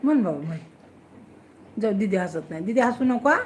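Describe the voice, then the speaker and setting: A woman's voice: mid-range voice, animated, normal speed, a little hiss or hum. A woman in a casual home video, coaxing and playfully scolding children as she teaches them, recorded on a phone indoors at home. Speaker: family member teaching children.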